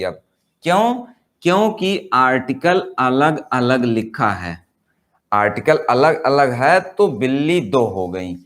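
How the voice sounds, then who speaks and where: Man, patient grammar teacher, drawn-out delivery, repeats each point. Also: on the high side, a bit bright. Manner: slow, explanatory, repeats points and asks rhetorical questions; reads English example sentences very slowly, word by word. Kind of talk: Hindi-language grammar lesson.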